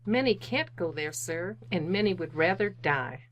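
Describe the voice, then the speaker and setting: A woman's voice: lowish voice, animated, normal speed, dull audio, close to an everyday voice. An actress playing a polite, earnest, genteel lady collecting for charity, formal and courteous, in old-time radio drama style. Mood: gently reproachful.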